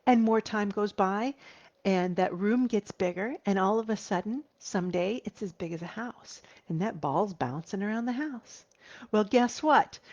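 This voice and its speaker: A woman in her forties, a grief therapist, speaking earnestly to viewers, slowing down and dropping to a soft whisper for emphasis. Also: mid-range voice. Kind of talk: heartfelt talk to viewers. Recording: slightly dull lo-fi recording.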